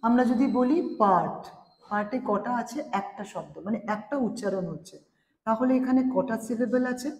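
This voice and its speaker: A woman teaching an English grammar lesson, slowly sounding out words syllable by syllable and switching between languages. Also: fairly high pitch, a little mellow, a little hiss or hum. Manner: slow, drawn-out spelling and syllable counting. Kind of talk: classroom lesson. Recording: echoey room with long reverb.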